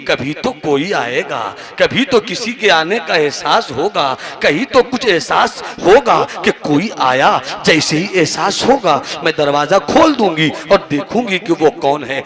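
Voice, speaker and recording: A male preacher telling a story in a sermon, building up to long, drawn-out shouts and chanted verse at a public gathering. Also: fairly high pitch. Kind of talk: Urdu-Hindi religious sermon with chanted verse.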